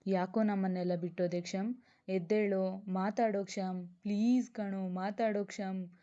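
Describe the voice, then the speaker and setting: A woman's voice: medium pitch, fairly even intonation, moderate pace, mellow, lightly acted. A woman reading the lines of a young male police officer, anguished and pleading, later blunt and defiant, on a dull lo-fi recording. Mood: grieving.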